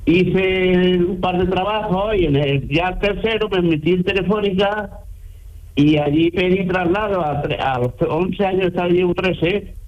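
Andalusian man, 80s, caller, slightly high voice, dull lo-fi phone sound. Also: a little slow. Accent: Andalusian Spanish. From Córdoba province, Spain. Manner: rambling, repeats himself, loses the thread. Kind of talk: phone-in chat on the radio. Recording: muffled phone line.

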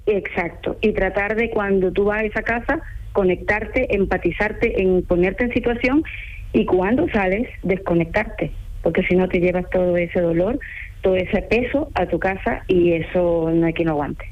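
A woman's voice: mid-range voice, normal speed. Ecuadorian woman calling in on a muffled line. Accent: Ecuadorian Spanish. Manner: talkative, earnest, laughs easily. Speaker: caller, home care assistant. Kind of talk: phone-in radio interview.

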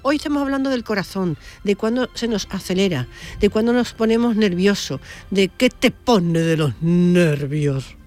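A man hosts a live radio talk show from a studio, chatting casually and interjecting with brief reactions to others. His medium-pitched voice is expressive and a little mellow, at a moderate pace.

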